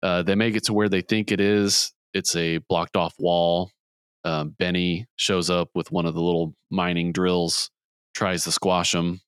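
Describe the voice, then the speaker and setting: A man hosting a podcast, casually retelling a movie plot with quick voiced quotes. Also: deep voice, little pitch movement, clean tone, dry recording, clean studio sound. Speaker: podcast host. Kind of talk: casual movie recap chat.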